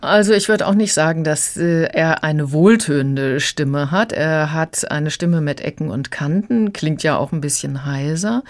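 A woman's voice: deep voice, measured pace, hardly any pauses. A woman critic retelling and discussing an audiobook on radio, explanatory and fluent. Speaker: literary critic. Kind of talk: radio book review talk.

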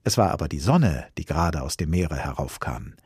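A man's voice: a bass voice, moderate pace, breathy edge, no echo, studio quality. A man reading a fairy tale aloud expressively, voicing the characters. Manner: lively, voices the characters. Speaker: storyteller.

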